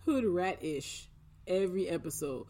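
A woman co-hosting a casual podcast chat, blunt and animated in her reactions. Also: fairly low pitch, measured pace, noisy background. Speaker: podcast co-host.

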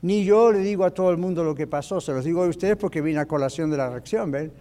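A male pastor preaching an animated teaching sermon in church, dropping in English phrases. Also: on the high side, quick pace. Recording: echoey church hall.

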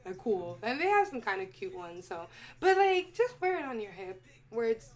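A woman's voice: on the high side, big pitch swings, normal speed. A young woman talking casually as a podcast guest, opinionated and emphatic, laughing often. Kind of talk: casual chat.

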